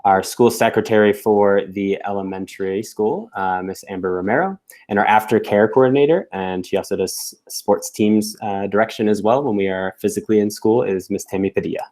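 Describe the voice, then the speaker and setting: A man's voice: on the low side, brisk, few pauses, a little mellow. A man from Connecticut, a teacher introducing staff at a school meeting on a video call, friendly with frequent fillers. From Connecticut, USA.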